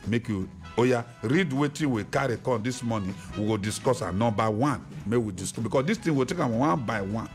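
A man hosting a radio talk show in Pidgin, half singing his lines, then dropping to a low murmur. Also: expressive, fairly quick, few pauses, faint music behind.

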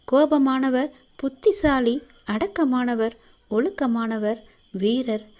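A woman gives a devotional message in a gentle, reassuring voice, speaking straight to the listener as if in a deity's own words. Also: fairly high pitch.

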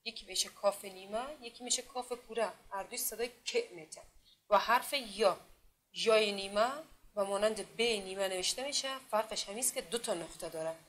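A woman teaching literacy in a classroom, speaking with an Afghan Dari accent, patiently repeating herself and sounding out letters slowly. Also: mid-range voice, a bit bright, a little hiss or hum. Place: classroom with a board.

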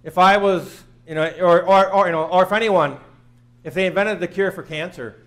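A man's voice: high voice, moderate pace, fairly bright tone. A man in his fifties preaching a sermon in a small church, earnest and plain-spoken, repeating phrases for emphasis. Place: small church sanctuary, in front of the altar.

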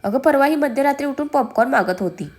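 A woman's voice: sits high, expressive, fast talker, voice pushed up. A woman voicing a young husband in a storybook, fond and teasing but easily exasperated.

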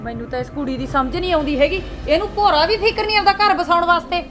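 A woman playing a mother who pleads with her angry son to calm down. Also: very high-pitched, quick pace, soft background music. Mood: pleading. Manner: pleading, calming. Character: soothing mother, anxious to keep peace. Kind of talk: web series drama acting.

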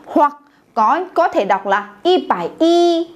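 A woman with a fairly high voice leads a beginners' language lesson. She checks in with the class through frequent questions and has them say each word back to her. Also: expressive, slow pace, dull audio. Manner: calls on the class to repeat aloud, checks with questions. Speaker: Chinese teacher.

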